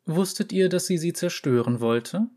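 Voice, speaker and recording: Cool composed runesmith woman done by a guy reading a story, even measured delivery, bit higher than his own voice. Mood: calm, authoritative. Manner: calm and measured. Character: calm, unsettling female imperial runesmith. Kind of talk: audiobook reading.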